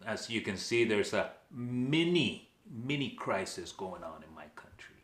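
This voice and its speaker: Deep voiced guy from venezuela, slow and emphatic, lots of "okay", roomy echo. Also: very animated, a bit bright. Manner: emphatic, repeats "okay" and rhetorical questions. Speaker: vlog host. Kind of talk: direct-to-camera commentary.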